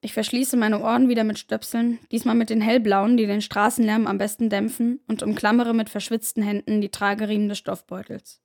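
A woman narrating a first-person story in a steady, measured audiobook reading. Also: mid-range voice, creaky.

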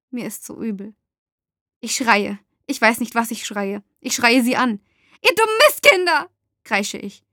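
A woman narrating a first-person story aloud, dramatic and rising to shouts in the dialogue. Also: on the high side, dry recording, clean studio sound.

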